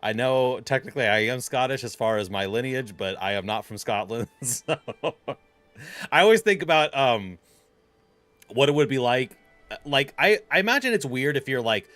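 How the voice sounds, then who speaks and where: A man's voice: mid-range voice, normal speed, a bit bright, faint music behind. A man casually commenting while playing a game, chatty and laughing, sometimes racing through sentences. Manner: chatty, laughing, bursts of speed. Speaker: gaming channel host. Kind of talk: let's play commentary.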